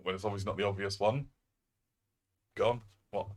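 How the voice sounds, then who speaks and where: A man's voice: lowish voice, steady tone, brisk, slight background noise. A man co-hosting a casual podcast, laughing often and tossing in dry quips. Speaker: podcast co-host. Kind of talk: casual banter.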